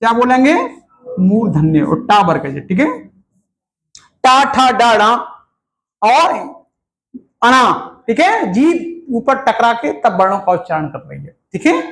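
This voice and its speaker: Man, teacher, classroom lesson, fairly high voice, repetitive questioning, drilling students. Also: big pitch swings, normal speed, vocal fry, roomy sound, poor audio. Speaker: Hindi teacher.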